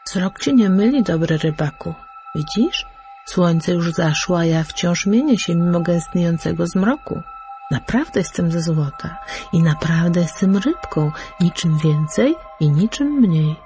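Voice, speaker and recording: A woman voicing a gentle magical golden fish speaking in a soft, fading voice. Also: fairly low pitch, lively intonation, unhurried, faint music behind.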